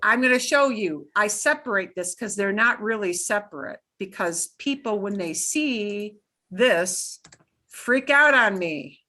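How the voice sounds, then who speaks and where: A woman with a bright, forward voice gives a beginner Spanish lesson. Her pitch moves in lively swings as she emphatically instructs the class, with slow, careful pronunciation of each foreign word. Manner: pronounces foreign words slowly and deliberately, broken into parts; emphatic, instructive, checks in often. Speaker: Spanish teacher.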